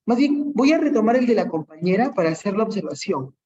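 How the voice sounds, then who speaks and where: Very animated and fairly quick, this warm, mid-range voice is recorded with the highs cut off. A teacher with a Peruvian Spanish accent is giving an online lesson, patiently going over many examples while frequently checking in through tag questions.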